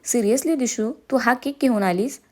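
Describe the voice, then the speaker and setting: A woman's voice: on the high side, moderate pace, natural voice. Woman voicing a teasing young groom. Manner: teasing, jokey.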